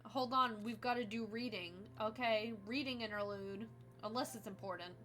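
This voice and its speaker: A woman's voice: a little high, fairly even intonation, normal speed, fairly bright tone, a little hiss or hum. A woman streaming a game, reading its text aloud expressively and chatting casually. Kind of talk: expressive read-aloud mixed with casual gameplay chat. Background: music.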